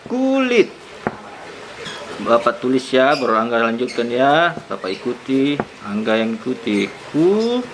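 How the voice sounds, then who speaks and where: A man's voice: medium pitch, very animated, a little slow, noisy background. A man teaching a young child, patient and coaxing, asking many questions. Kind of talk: one-on-one lesson with a young child.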